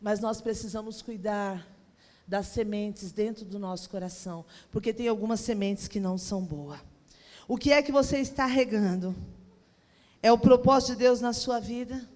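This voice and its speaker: A woman pastor, telling a personal story in an animated sermon that swings from soft to loud. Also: medium pitch, normal speed. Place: large church auditorium, on stage. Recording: long reverb of a large hall.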